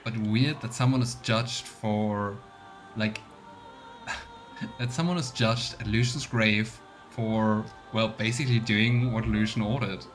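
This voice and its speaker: A man streams a game with casual Let's Play commentary, rambling, musing, and thinking aloud over faint game music. His voice is lowish and fairly even in intonation, and he speaks slowly.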